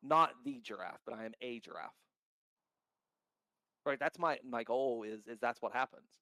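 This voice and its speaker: The founder of a crypto token chats on a casual podcast, loud, blunt, and outspoken, swearing freely. His voice is medium-pitched and expressive, his pace moderate, and there's no echo.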